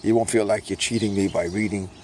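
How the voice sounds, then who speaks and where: An older man from Brooklyn rambling casually on a morning dog walk, pitching his own books with self-mocking salesman patter and a repeated catchphrase. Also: fairly even intonation, fast talker, a little mellow, a little hiss or hum. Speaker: self-published author promoting his books. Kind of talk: casual rambling vlog while walking a dog.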